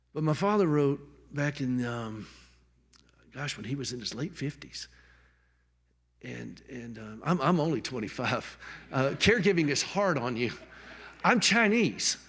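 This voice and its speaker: A man's voice: on the high side, fairly bright tone. A man speaking on stage at a book launch, giving a heartfelt tribute that moves between jokes and tender remembrance, often restarting his words. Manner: jokey then tender, repeats and restarts words. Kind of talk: heartfelt public tribute speech. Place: on stage at a public event.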